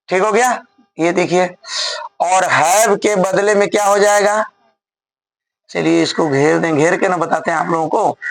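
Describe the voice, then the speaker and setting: A male grammar teacher with a high voice. He talks at a slow, deliberate pace, spelling words out letter by letter and teasing his students. The recording is dry and close. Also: fairly bright tone, no echo, rough recording. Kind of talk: classroom grammar lesson.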